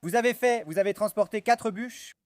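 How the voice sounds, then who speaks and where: A man's voice: high voice, brisk, clear, resonant tone, no room sound, studio quality. A man chatting and teasing in casual banter.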